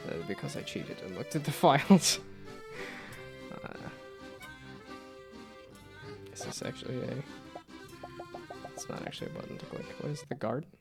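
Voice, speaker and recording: A man's voice: medium pitch, expressive, normal speed, vocal fry, long pauses, music in the background. A man chatting casually as he hosts a game livestream, rambling and often trailing off mid-thought. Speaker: livestreamer host. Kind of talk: casual livestream chat while playing games.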